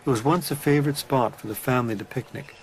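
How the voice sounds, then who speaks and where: A man conducting a documentary interview and narrating, asking measured, matter-of-fact questions. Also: medium pitch, slight background noise, rough recording.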